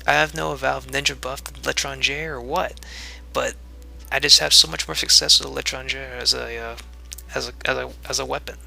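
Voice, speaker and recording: A man's voice: medium pitch, fairly even intonation, moderate pace, vocal fry, pushed and bright, soft background music. A young man giving casual commentary on his own gameplay video, rambling with many fillers and restarts and a little out of breath.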